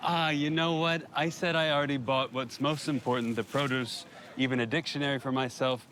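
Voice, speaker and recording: With music playing behind him, an American man in his thirties, a documentary subject who immigrated abroad, talks about his life overseas. His medium-pitched voice stays steady and moves fairly quickly, easygoing and enthusiastic, with a few small restarts, in a mix of documentary voice-over and casual chat.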